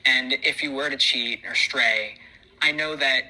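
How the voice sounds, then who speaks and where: Calm, reassuring man, bright voice. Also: mid-range voice, a little slow, rough recording. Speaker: interview guest.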